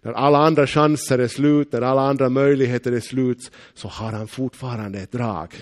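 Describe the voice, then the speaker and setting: A man from eastern Uusimaa in Finland, with a Finland-Swedish accent, preaching a sermon. He tells stories emphatically and slows down on key phrases. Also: medium pitch, fairly even intonation.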